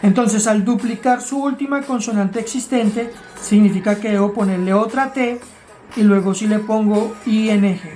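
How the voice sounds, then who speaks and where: A woman's voice: mid-range voice, moderate pace, warm tone, soft background music. A woman teaching grammar, explaining rules step by step in a patient way and asking her students questions. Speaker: English teacher.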